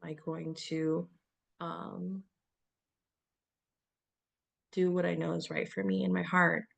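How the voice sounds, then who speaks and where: A middle-aged woman talks through self-help ideas in an unhurried, meandering way. Her voice sits a little low and carries a slight gravelly fry. She fills pauses with soft "ums" and quiet laughs. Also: flat delivery. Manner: gentle, meandering, with soft laughs and many fillers. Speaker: spiritual coach. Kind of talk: reflective self-help talk.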